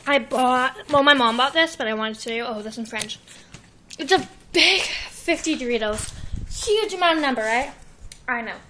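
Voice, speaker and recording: High-voiced chatty girl vlogger. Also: normal speed, bright, forceful tone, slight background noise, rough recording. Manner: chatty, giggly, rambling with many likes. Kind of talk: casual haul video. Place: living room at home. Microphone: built-in webcam mic.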